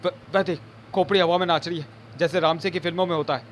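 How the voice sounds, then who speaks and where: A man's voice: fairly high pitch, fairly even intonation, quick pace, slight background noise, pitched above the performer's own voice, natural voice. A man voicing a frightened night watchman who stammers in fear. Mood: terrified. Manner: stammering, scared.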